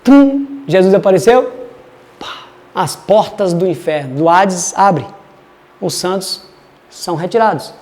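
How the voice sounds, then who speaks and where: A man's voice: sits high, animated, measured pace, pauses often, a little mellow, in a large hall. A man teaching a casual Bible study, chatty and digressive as he reads verses aloud.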